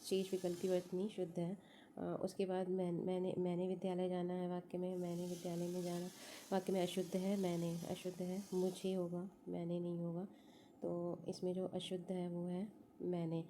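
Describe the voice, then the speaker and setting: A woman's voice: on the low side, monotone, moderate pace, dark tone, a little hiss or hum. A woman teaching exam prep, going through test answers one by one, repeating each answer and thinking aloud with fillers.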